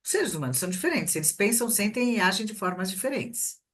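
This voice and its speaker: A middle-aged woman, a guest expert, talks through workplace communication in a relaxed interview, explaining her ideas with everyday examples. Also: mid-range voice, quick pace. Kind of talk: conversational interview.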